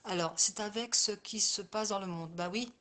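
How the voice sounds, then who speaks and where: A woman's voice: medium pitch, normal speed, a bit bright. A woman coach and therapist talking casually with viewers in a live session, speaking to them by name and often circling back over the same phrases.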